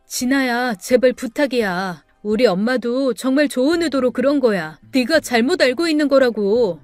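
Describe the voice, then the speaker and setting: A spineless young fiancé, pleading and evasive, as a woman narrator voices him. The voice stays somewhat high for a man. Faint music runs under the storybook reading. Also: expressive, normal speed, no room sound. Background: soft background music.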